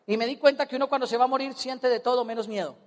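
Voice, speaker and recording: A Colombian man telling a personal story as a motivational speaker, animated and comic, acting out voices. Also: very high voice, very fast, in a large hall. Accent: Colombian Spanish. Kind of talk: storytelling talk on stage.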